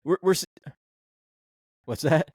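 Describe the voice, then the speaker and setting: A man's voice: takes it slowly, darkish tone, no echo, clean studio sound. Blunt, rambling male podcast host. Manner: blunt, rambling, swears freely. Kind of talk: casual sports podcast chat.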